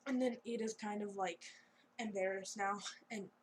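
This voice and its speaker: A woman's voice: medium pitch, steady tone, normal speed, background noise. A young woman improvising a fan story in a rambling, giggly, chatty way. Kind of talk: casual improvised story narration.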